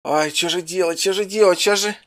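A man playing a clumsy, injured young man in an improvised game role-play, groaning and complaining, with quick comebacks. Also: sits high, fairly even intonation, fairly bright tone. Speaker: Minecraft role-play player.

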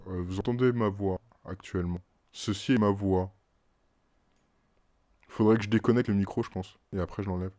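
A male streamer with a French accent, chatting casually on a live stream and muttering to himself with halting restarts. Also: lowish voice, steady tone, dark tone.

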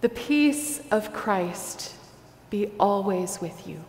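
A woman pastor leading prayers and the communion liturgy in a large church sanctuary, with a slow, measured cadence. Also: medium pitch, expressive, slight background noise. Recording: echoey church hall.

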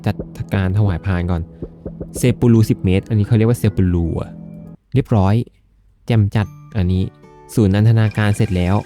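A man talks casually through a farming game in a lowish, warm voice. He jokes along the way and keeps his phrasing polite. Faint game music runs behind him. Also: fairly even intonation, normal speed. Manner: chatty and jokey, polite sentence endings. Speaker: gaming video host. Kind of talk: casual let's-play commentary.

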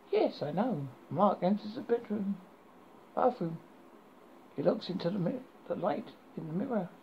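A British man reading a scary story as a horror host, haltingly and stumbling over his script. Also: sits high, creaky, lo-fi sound, slight background noise.

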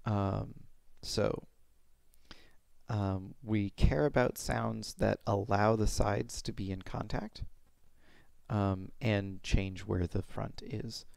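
A young adult man giving an informal, step-by-step pronunciation lesson in a halting way, speaking into a headset mic at home. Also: lowish voice, fairly even intonation, creaky, a little mellow, dry recording, studio quality. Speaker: pronunciation teacher. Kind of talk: informal instructional explanation with demonstrated sounds. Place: small room at home.

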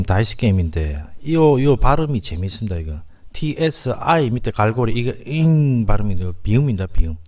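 A man giving an informal lecture on word origins, repeating words and sounding out syllables slowly. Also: fairly low pitch, a little mellow. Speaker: lecturer on language history.

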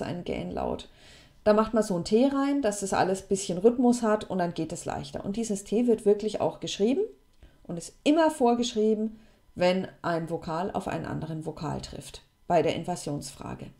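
A woman, explaining French question forms to students in a lively, chatty way. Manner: lively, chatty, plays with pitch for emphasis. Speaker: French teacher.

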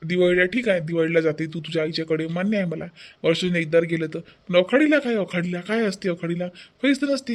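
A man's voice: sits high, close to an everyday voice. A man voicing a teasing, mildly exasperated young husband in a cartoon, with a Vidarbha Marathi accent. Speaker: cartoon dub voice.

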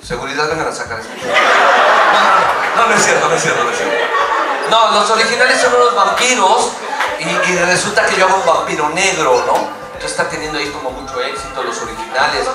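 A man with a Mexican accent, a voice actor joking with fans at an event, animated and slangy. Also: sits high, fairly quick. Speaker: voice actor guest. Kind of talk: fan event talk. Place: event hall. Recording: echoey hall from far off, music.

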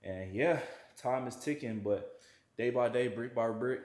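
In an echoey home kitchen, a young fitness vlogger cooks and talks to the camera in a casual, slangy, easygoing style. His voice is medium-pitched and darkish, and his delivery is a little slow.

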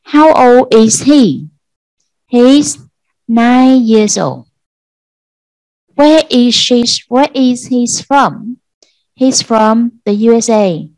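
A Vietnamese-accented woman teaching an English class to children, slow and patient, repeating answers for pupils. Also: on the high side, animated, darkish tone, no echo, rough recording. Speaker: primary school English teacher. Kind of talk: online class lesson.

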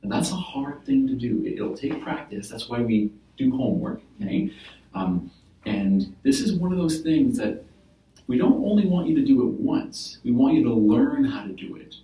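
Male therapist in a role-play demo, patient explainer, warm low tone, roomy room mic from afar. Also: lively intonation, normal speed. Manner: explaining gently with many "right?" and "like" fillers. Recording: roomy, from a distance.

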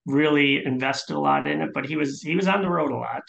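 A middle-aged man from Minnesota, a leadership coach, speaking as a guest over a video call from his home office, relaxed and reflective with many fillers. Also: a little high, a little fast, creaky. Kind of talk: casual interview.

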